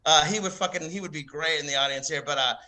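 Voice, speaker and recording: A man from the American South doing a stand-up set, telling stories fast, laughing and swearing often. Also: on the high side, sharp tone, poor audio. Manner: rapid, laughing, swearing storyteller. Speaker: stand-up comic.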